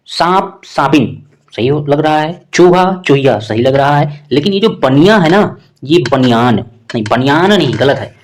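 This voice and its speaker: A man with a somewhat raised speaking pitch runs through exam questions as a tutor. He reads each option, rules them out one by one, and keeps posing questions to himself before giving the answer. His explanations go patiently step by step. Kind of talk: Hindi grammar exam solution lesson.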